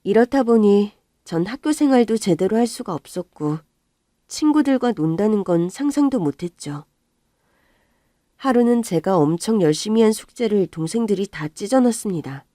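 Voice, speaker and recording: A woman narrating a first-person life story in a calm, subdued way. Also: medium pitch, normal speed, no room sound, studio quality.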